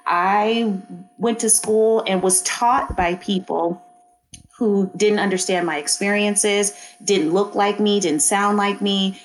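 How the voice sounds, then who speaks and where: A woman's voice: mid-range voice, steady tone, takes it slowly, poor audio. Reflective woman from Oakland. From East Oakland, California. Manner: reflective, talks through ideas with many restarts. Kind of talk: casual panel conversation.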